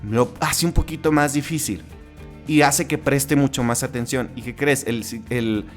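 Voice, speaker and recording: Soft music plays behind a man with a Mexican accent, a Spanish-speaking podcast host, who talks in a mid-range, unhurried voice. His solo show is casual and conversational, with frequent restarts and tag questions.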